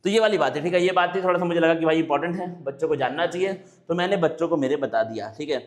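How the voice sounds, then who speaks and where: High-voiced man teaching exam biology. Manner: talks to students in rhetorical questions and answers himself; mixes Hindi with English technical terms, reads options slowly. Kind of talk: exam-prep lesson solving multiple-choice questions.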